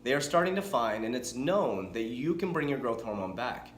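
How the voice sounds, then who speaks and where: Medium-pitched and at a moderate pace, the coach addresses the camera in a casual vlog. He's in his forties, lively, talkative, and prone to restarts, and the audio is reverberant with a little hiss or hum.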